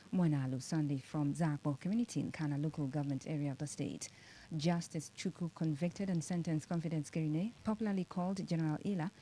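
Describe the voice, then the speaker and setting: A woman with a Nigerian accent reading a scripted radio news bulletin in a formal, deliberate manner. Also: low voice, dark tone, slight background noise, poor audio. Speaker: radio newsreader.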